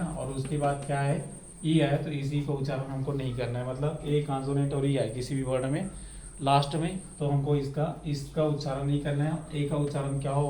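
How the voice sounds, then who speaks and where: A man's voice: a little high, warm tone. A man teaching an English pronunciation lesson. He asks himself questions and answers them, and keeps checking in with "है ना". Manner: slow and repetitive, asks a question then answers it, keeps adding "है ना". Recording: echoey room with faint background noise.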